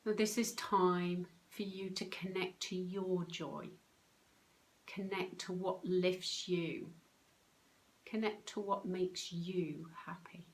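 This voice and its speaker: A woman with a slow, low-pitched voice leads a guided meditation as a meditation guide and soul coach, giving calm, soothing, unhurried instructions with pauses.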